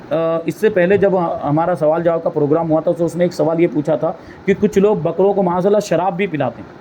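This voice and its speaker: A man's voice: sits high, dark tone. A man teaches a religious course. He explains each case patiently, posing questions and then answering them, over a faint hum of background noise. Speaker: Islamic scholar teaching a course. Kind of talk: religious lesson.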